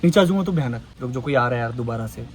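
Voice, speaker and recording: A man's voice: medium pitch, expressive, rapid-fire. A man vlogging casually outdoors near a railway line, acting out emotions between chatty asides. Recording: loud outdoor noise with passing traffic.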